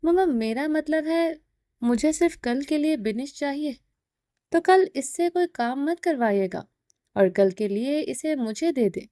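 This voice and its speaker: A woman reading the lines of a defiant, sharp-tongued young wife who answers back indignantly, in a storybook reading. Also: high-pitched, animated, dry recording, clean studio sound. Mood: coaxing. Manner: indignant, quick retorts.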